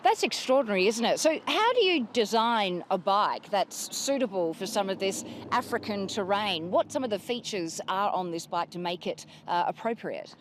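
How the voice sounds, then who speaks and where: Woman news presenter, brisk interviewer, mid pitch, faint noise. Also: expressive.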